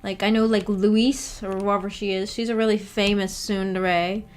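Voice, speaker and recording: Speaking at a medium pitch and moderate pace, this woman streamer keeps a flat delivery even while giggling and rambling through her thoughts. She hosts a book club from an indoor home setup, reading viewer comments aloud in casual chat.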